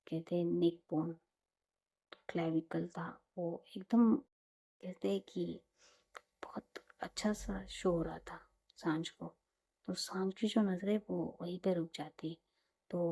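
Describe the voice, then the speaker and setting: A woman casually retelling a romance story in a relaxed, conversational way, often dropping into whispers. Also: fairly low pitch, creaky, husky.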